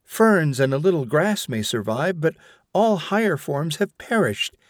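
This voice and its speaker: A man's voice: fairly high pitch, animated, measured pace, dry recording, clean studio sound, pitched above the performer's own voice. A man reading aloud as a stern elderly woman devoted to the machine, who lectures with insistent rhetorical questions. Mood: reproachful. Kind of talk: audiobook reading.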